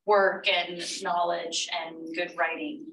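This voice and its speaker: A woman's voice: lowish voice, flat delivery, slow, fairly bright tone, a little hiss or hum. Woman chiming in from across the room. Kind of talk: casual info session talk. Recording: echoey room, far from mic.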